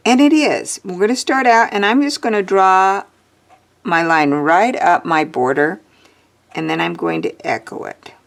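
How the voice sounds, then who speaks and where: A woman's voice: lowish voice, a little slow, gravelly. A woman teaching a drawing lesson, chatting and thinking aloud as she draws, with the hiccups. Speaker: art teacher.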